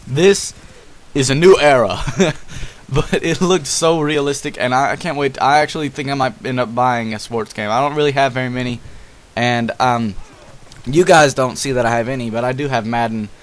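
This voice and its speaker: A young man giving casual, rambling commentary over gameplay, excited and addressing his viewers directly. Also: medium pitch, slight background noise. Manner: rambling and enthusiastic, talks to viewers as guys. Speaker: gaming YouTuber.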